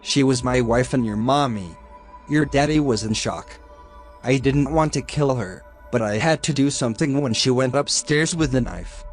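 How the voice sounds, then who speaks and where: A man voicing a shaken detective father confessing gently to his young son. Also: medium pitch, normal speed, soft background music, natural voice. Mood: remorseful.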